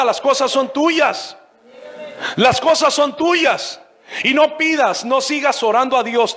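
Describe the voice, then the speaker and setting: High-voiced preaching man, bursts of shouting. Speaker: pastor. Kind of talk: sermon.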